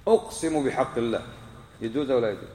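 This religious teacher talks fast and expressively in a mellow mid-range voice while instructing a live class. He fires questions at his listeners, drives key points home through repetition, and is recorded in an echoey hall with long reverb.

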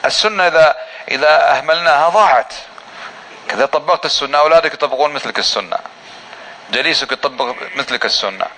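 Higher-voiced man teaching a religious lesson. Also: bright, forceful tone, slight background noise, low-quality recording. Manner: asks the audience questions and answers them himself; slowly drawn-out demonstrations of recited phrases. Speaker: Islamic teacher.

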